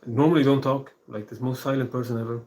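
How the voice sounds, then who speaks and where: Soft-spoken man rambling on a stream. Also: medium pitch, steady tone. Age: 40s. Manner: rambling and soft-spoken, many pauses and fillers. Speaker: live streamer. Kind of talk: casual live-stream monologue.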